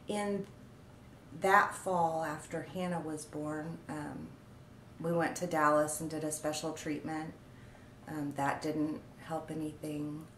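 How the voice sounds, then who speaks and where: Woman, 40s, low slow delivery, halting with fillers, roomy home recording with faint background noise. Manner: halting, many ums and pauses. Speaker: vlogger. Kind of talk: personal story told on camera.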